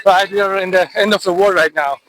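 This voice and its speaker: A young man with a high, bright voice jokes his way through a quick interview on a hiking trail. His answers are offhand and playful. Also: steady tone, a little hiss or hum, poor audio. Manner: joking, offhand. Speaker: hiker being interviewed. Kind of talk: casual chat.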